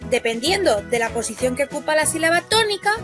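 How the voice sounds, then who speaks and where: A woman with a Spain Spanish accent giving a scripted grammar lesson for children, slowly drawing out each example word. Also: high voice, sing-song. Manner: slow, stretched-out spelling of example words. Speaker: narrator of a children's grammar video. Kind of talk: scripted educational narration. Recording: clip with loud children's music behind.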